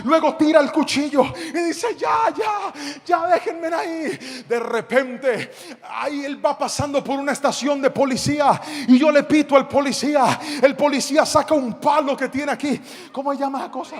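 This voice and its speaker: A male pastor, telling a story in a sermon and shouting out the dramatic moments. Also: extremely high pitch, moderate pace. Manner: animated, shouting the action. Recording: long hall reverb, faint noise.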